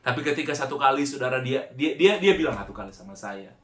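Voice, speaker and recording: A man's voice: mid-range voice, lively intonation, fast, fairly bright tone, reverberant. A man preaching a sermon, telling a story with feeling and often breaking off and restarting his words. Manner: emotional, keeps addressing listeners as "saudara".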